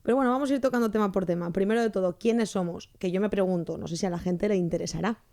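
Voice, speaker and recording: Chatty woman with a mellow voice. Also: medium pitch, racing. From born in Canada, raised in Spain. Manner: chatty, leads the talk with questions. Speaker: podcast co-host. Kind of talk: casual podcast chat. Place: farmhouse among orange trees.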